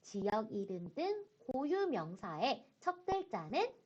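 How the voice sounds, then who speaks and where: A woman teaching high school Chinese in an online lecture, slowing down to model phrases and stressing key points. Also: husky. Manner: slow, careful model pronunciation of Chinese phrases; lively, rising emphasis on key points. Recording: dull lo-fi recording.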